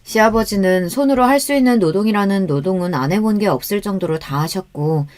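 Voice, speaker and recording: A woman's voice: medium pitch, fairly quick, darkish tone. Woman narrating a first-person story.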